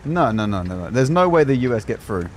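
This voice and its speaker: A man's voice: medium pitch, sing-song, fast, a little hiss or hum. An English man live streaming a game, chatting casually in an opinionated, exclamatory, colloquial way. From England. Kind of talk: casual live stream commentary while gaming.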